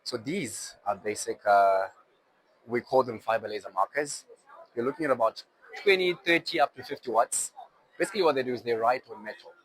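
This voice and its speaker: A man's voice: mid-range voice, lively intonation, fairly quick, rough recording. Casual man touring a machinery show. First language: not Chinese. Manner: repeats short acknowledgements. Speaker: host touring a trade show. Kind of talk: casual on-site chat and product explanation. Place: indoor machinery exhibition hall.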